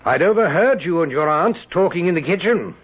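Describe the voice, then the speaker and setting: Haughty, swooping British general Burgoyne. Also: male voice, fairly high pitch, lively intonation, brisk, breathy edge. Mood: teasing, amused. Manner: haughty, theatrical, florid. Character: pompous, sardonic British general and vain playwright. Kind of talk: 1970s radio drama acting. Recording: dull lo-fi vintage radio broadcast.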